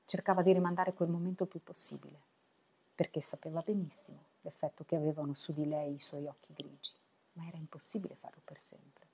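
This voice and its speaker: Husky-voiced woman reading a novel. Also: sits low, steady tone, brisk, darkish tone. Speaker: volunteer reader. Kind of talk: reading a novel aloud on web radio. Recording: lo-fi web radio audio.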